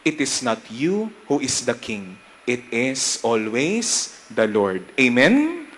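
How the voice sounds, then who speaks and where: A young man with a Filipino accent, a priest giving a lively homily and leading the congregation in call-and-response. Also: medium pitch, slow pace. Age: young adult.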